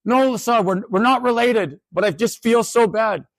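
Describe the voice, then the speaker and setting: A woman's voice: fairly high pitch, moderate pace, dry recording, studio quality, pitched above the performer's own voice, natural voice. A man voicing a young female university student who keeps apologizing and pleading insistently. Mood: apologetic. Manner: pleading, repeats herself.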